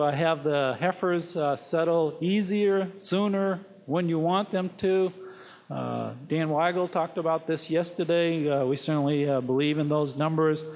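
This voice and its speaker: A man giving a technical conference presentation, halting often with filler words. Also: on the high side, darkish tone. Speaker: conference speaker on dairy genetics. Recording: long hall reverb.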